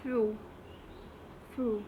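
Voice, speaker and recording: Woman in an english class, higher voice, short replies and curious questions. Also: flat delivery, drawn-out words, warm tone, a little hiss or hum. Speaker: student. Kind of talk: lesson dialogue.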